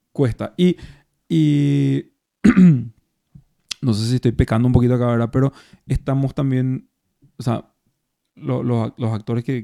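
A man's voice: mid-range voice, creaky, mellow, no echo, clean studio sound. A man with a Paraguayan accent, an actor guest chatting casually over beers, reflective and full of restarts. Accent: Paraguayan Spanish. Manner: reflective, many restarts and tag questions. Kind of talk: casual interview chat. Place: bar or café over beers.

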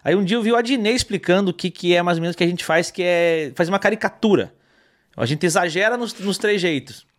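A man with a high, bright-sounding voice tells funny stories in a relaxed interview. He talks in animated bursts, full of energy. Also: quick pace. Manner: animated storytelling, lively. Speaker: comedian guest. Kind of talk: casual interview chat.

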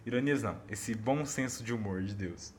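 A man with a Brazilian accent, a missionary, telling a personal story in a casual, animated way and talking straight to his audience. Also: fairly low pitch, moderate pace, slight background noise.

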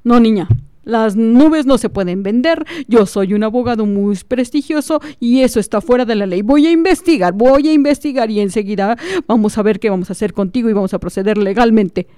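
A woman's voice: a little high, a little fast, dark tone, smooth, no room sound, studio quality, close to an everyday voice. A woman playing a pompous, officious male lawyer who lectures and scolds. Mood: scolding. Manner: bossy, lecturing.

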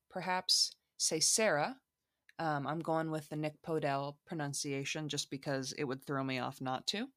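Low-voiced playful woman podcast host. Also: a bit bright, no echo, clean studio sound. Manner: playful, jokey asides. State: morning voice. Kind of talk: solo podcast monologue. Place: home back room.

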